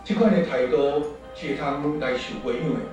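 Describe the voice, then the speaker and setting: A man with a Taiwanese Hokkien accent speaks earnestly in a fairly high voice. The sound is muffled and very echoey, with music playing underneath. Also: brisk, recorded from a distance. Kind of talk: earnest scripted testimony.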